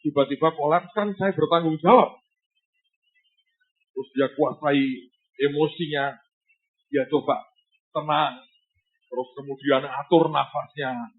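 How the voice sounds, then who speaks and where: A man preaching a sermon as a pastor, telling a story with lively asides to the congregation. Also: on the high side, unhurried, pauses often. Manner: lively storyteller who keeps addressing the congregation as "saudara". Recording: tinny phone-like sound.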